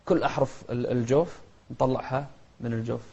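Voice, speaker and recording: A man with a Gulf Arabic accent teaching children tajweed, explaining each rule and then chanting the verses slowly and melodically while contrasting right and wrong pronunciation. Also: mid-range voice, vocal fry, dark tone, husky, highs cut off. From Kuwait. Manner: corrects mispronunciations by contrast. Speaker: Quran recitation teacher.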